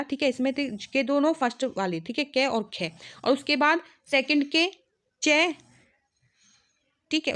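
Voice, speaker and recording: A young woman teaching an exam-prep lesson, repeating every point patiently and spelling out letters slowly, with constant checks like "okay?". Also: high voice, fairly bright tone.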